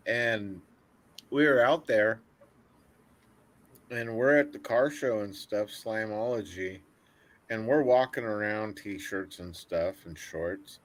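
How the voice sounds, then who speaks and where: A man on a group call, telling things slowly and haltingly with many pauses. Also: fairly low pitch. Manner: slow, halting storyteller with many "uh"s. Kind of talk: casual group chat.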